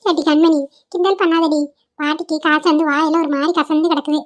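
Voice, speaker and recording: A woman's voice: sits high, flat delivery, fast, lightly acted. A woman voicing a sentimental, scolding elderly grandmother in a cartoon, lamenting and grumbling aloud. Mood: fussing. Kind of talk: cartoon voice acting.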